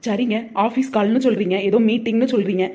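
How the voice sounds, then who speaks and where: Cartoon wife: a performer doing a meek young woman, Tirunelveli Tamil accent, high and mellow, quick. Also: close to an everyday voice.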